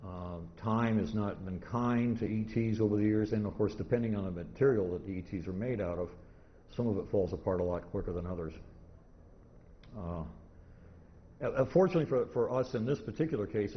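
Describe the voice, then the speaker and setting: At a convention, a middle-aged American old-time radio collector with a fairly low voice gives an informal lecture, working through his points haltingly and methodically and telling them as anecdotes. The live recording from the presentation room sounds somewhat dull, with background noise.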